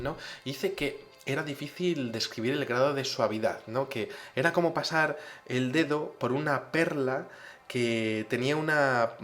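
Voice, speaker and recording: Man, casual storytelling, middle pitch, tag question after nearly every phrase. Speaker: host.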